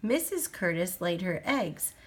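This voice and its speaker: Reading a picture book to a small child, an adult woman storyteller speaks slowly with very expressive pitch and a gentle, sing-song delivery.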